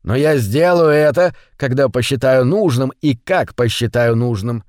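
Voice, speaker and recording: A man's voice: mid-range voice, lively intonation, moderate pace, darkish tone, dry recording, lightly acted. Male reader doing a cold, aloof ship's captain, dry close sound. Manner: cold and condescending. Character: cool, calculating male ship captain.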